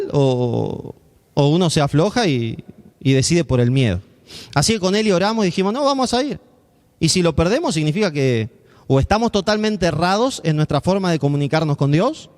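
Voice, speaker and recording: Animated pastor with an Argentine accent. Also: male voice, sits high, in a large hall. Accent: Argentine Spanish. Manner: animated, acts out the voices of people in his story. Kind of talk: storytelling sermon.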